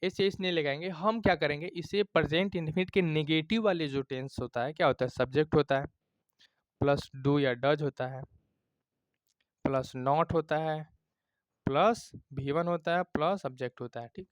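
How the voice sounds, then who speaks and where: Man, grammar teacher, classroom lesson, keeps checking in, higher voice, dry sound. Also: normal speed, no room sound. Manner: repeats "ठीक" as a check-in, explains with everyday examples.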